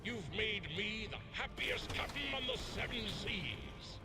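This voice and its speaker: An actor playing a blustering pirate captain puppet in a game, with a gravelly, theatrical shouting voice. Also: male voice, high voice, big pitch swings, a little slow, music in the background. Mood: proud.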